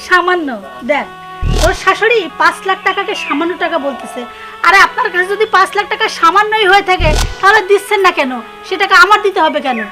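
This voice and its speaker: A woman's voice: extremely high pitch, expressive, brisk. An actress playing a wealthy, scornful mother-in-law who scolds in a family drama. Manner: scolding, haughty. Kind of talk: social drama acting. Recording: music bed behind voice.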